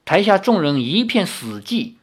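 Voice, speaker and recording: A narrator reading a martial-arts novel aloud in an animated storytelling manner. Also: medium pitch, unhurried. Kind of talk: audiobook reading of a wuxia novel.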